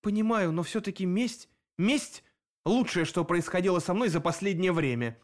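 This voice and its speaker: A man reading an audiobook, voicing a young woman who grieves her murdered friend and wants revenge, with an emotional, sharp voice. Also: on the high side, a little fast, voice pushed up, lightly acted. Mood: bitter grief.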